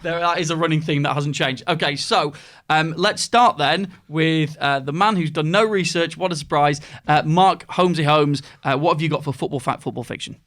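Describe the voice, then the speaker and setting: A man's voice: on the high side, moderate pace, hardly any pauses, a bit bright. A man hosting a football podcast, telling a long anecdote in a chatty, rambling way. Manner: chatty, rambling storyteller with frequent fillers. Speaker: podcast host. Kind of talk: casual chat and anecdote telling.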